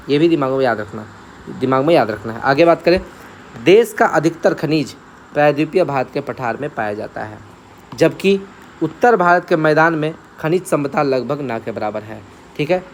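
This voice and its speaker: A man gives an exam-prep lecture in a slightly raised voice. He lists terms one by one, repeats the important ones and keeps checking that his students follow. Faint background noise sits under the recording. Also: fairly high pitch. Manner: repeats key terms, asks and answers his own questions; checks in often with "theek hai". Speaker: exam coaching teacher.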